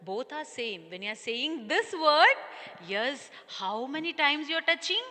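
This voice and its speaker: A woman, teaching young children a recorded lesson and slowly sounding out words syllable by syllable. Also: high-pitched, big pitch swings, bright, forceful tone, in a large hall. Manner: slow, deliberate, spelling out syllables and calling listeners "dears". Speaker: primary school English teacher.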